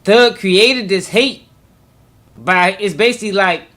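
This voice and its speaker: High-voiced man giving slangy commentary. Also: a little slow, fairly bright tone. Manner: emphatic, repetitive, slangy. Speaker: recap commentator. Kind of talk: informal commentary.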